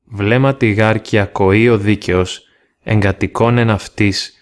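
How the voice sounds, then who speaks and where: Low-voiced man reading scripture steadily. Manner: steady, measured, phrase-by-phrase delivery. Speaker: scripture reader.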